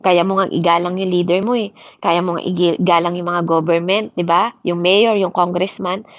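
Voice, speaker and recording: A woman's voice: fairly low pitch, steady tone, moderate pace, no echo. A woman preacher delivering a sermon, switching between Tagalog and English and asking her listeners "di ba?" after nearly every point. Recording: dry, slightly dull recording.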